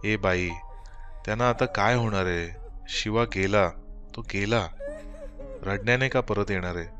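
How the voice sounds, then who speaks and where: A man doing a hoarse, trembling old father. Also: on the low side, measured pace, fairly bright tone, faint music behind. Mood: weary. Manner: trembling, hesitant. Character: weary frightened old father, hoarse and pleading. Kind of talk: audiobook character voice.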